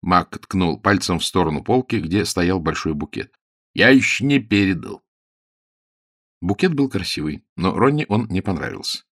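A man narrating an audiobook with expressive storytelling. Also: sits low, moderate pace, few pauses, husky, no echo, clean studio sound.

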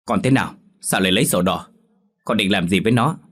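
A weary rural mother, anxious and quick to scold, in a storybook drama, played by a male narrator. The voice is husky and breathy, lifted a little above his deep natural pitch. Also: fairly bright tone. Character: worn-out older mother, strict when pushed.

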